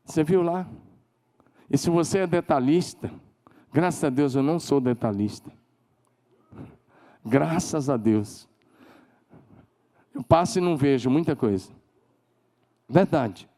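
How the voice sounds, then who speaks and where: A man with a Brazilian Portuguese accent preaching a sermon as pastor, emphatic, leading call-and-response and climbing to shouted declarations. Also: on the high side, measured pace, pauses often. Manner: leads the congregation in call-and-response.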